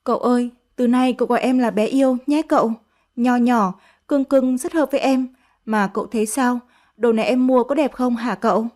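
A woman's voice: fairly high pitch, fairly even intonation, normal speed, darkish tone, natural voice. A woman voicing a fawning teenage servant girl who sweet-talks in a coaxing, sugary way.

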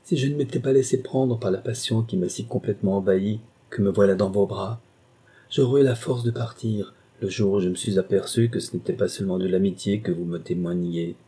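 A man's voice: fairly low pitch, steady tone, brisk, warm tone, husky. A man reading a passionate young woman governess in an audiobook, impassioned and pleading.

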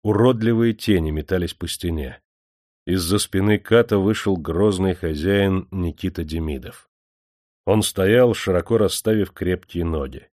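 Brief: male narrator, very low voice, dry close sound, grave and measured. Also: a little mellow, dry recording. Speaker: audiobook narrator. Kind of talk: dramatic storytelling narration.

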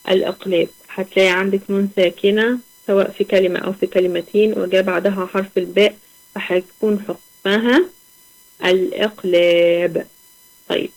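Young egyptian woman, recitation teacher, patient, slow drawn-out example words, middle pitch. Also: darkish tone, low-quality recording. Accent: Egyptian Arabic. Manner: patient, asks questions then answers them, drawls example words slowly. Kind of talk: online tajweed lesson.

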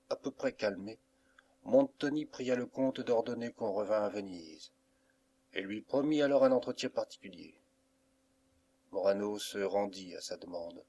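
A man narrating a classic novel as an audiobook, in a measured, even reading. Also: on the low side, breathy edge.

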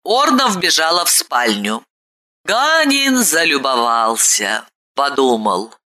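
Female audiobook narrator, lively and bright, unhurried. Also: deep voice. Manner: measured, expressive reading. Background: faint music.

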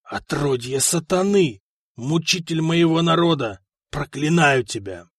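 A man voicing a tortured, stubborn male heretic who rasps out defiant curses in a hoarse voice. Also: on the high side, expressive, a little slow, dry recording, clean studio sound. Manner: rasping, barely whispered curses.

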